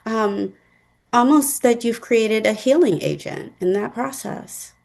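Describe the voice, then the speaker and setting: A woman hosting an interview as a psychologist, speaking in a measured, reflective way with academic phrasing. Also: on the high side, animated, creaky, darkish tone. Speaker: host and psychologist. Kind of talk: interview conversation.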